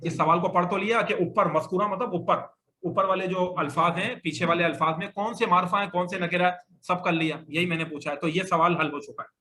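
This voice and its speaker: A man's voice: high voice, steady tone, brisk, bright, forceful tone. A male Arabic teacher leading a classroom grammar lesson, drilling students with questions and having them repeat answers back.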